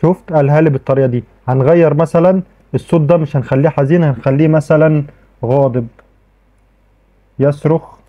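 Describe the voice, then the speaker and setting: A man with a fairly high voice and an Egyptian accent explains a tech tutorial quickly, pausing often. The casual screen recording finds him chatty, repeating "okay" and restarting sentences frequently. Audio quality is tinny and phone-like.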